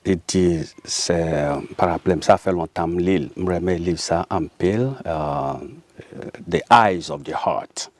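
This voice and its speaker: A man from Haiti with a Haitian Creole accent, speaking as a guest in a casual interview, animated and laughing often. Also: sits low, unhurried, no echo.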